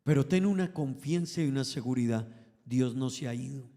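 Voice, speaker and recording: A man preaching a sermon to his congregation, emphatic, rising loud and falling soft as he calls them brothers. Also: medium pitch, moderate pace, big-room sound. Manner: emphatic, swells and drops in volume, addresses congregation as brothers.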